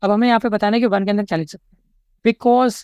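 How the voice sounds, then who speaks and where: Male tutor, Indian English accent, slow deliberate reading of questions, smooth voice, dry close sound. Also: high voice, fairly even intonation, darkish tone, no echo, muffled recording. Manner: explanatory, keeps checking in with "ठीक है?". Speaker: exam prep instructor. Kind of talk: online exam-prep lesson.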